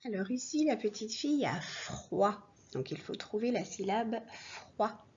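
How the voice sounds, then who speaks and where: A woman teacher leads a slow, patient reading lesson for small children. Her voice is soft and a little husky. The recording sounds dull and lo-fi, like a home mic. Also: mid-range voice, expressive. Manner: slow, clear, patient, addressing a child directly. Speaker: primary school teacher.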